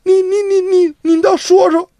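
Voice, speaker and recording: A man's voice: very high-pitched, level tone, normal speed, dark tone, dry recording, clean studio sound, pitched above the performer's own voice. A man voicing a flustered older sister who stammers anxious questions in a Beijing storytelling piece.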